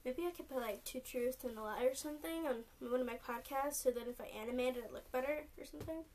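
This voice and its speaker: A woman's voice: high voice, fast talker, darkish tone. A young woman from California with a Californian accent, rambling in a casual solo podcast full of "like" and "um". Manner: rambling, lots of "like" and "um", restarts often. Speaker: podcast host. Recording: distant mic with faint noise.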